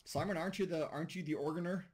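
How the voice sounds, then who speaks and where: Over a video call, a man teaches a class, chatting casually, joking with students and thinking aloud. His fairly high voice is steady, a little mellow and rapid-fire, picked up by a computer mic.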